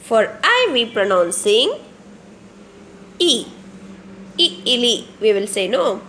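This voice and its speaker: Woman, Indian English accent, young adult, kindergarten teacher, slow drawn-out speech, repetitive questioning manner, faint background hiss. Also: fairly high pitch, big pitch swings, sharp tone. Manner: slow and repetitive, asking children questions and answering them herself. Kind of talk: online phonics lesson.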